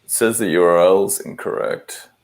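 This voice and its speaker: A man's voice: deep voice, steady tone, normal speed. A man on a video call, puzzled and troubleshooting aloud as he works. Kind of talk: casual livestream chat.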